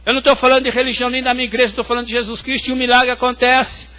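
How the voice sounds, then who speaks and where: A man's voice: very high-pitched, level tone, racing, sharp tone. A male pastor preaching a sermon, telling stories and speaking directly to the congregation. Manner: tells hospital stories, addressing the congregation directly.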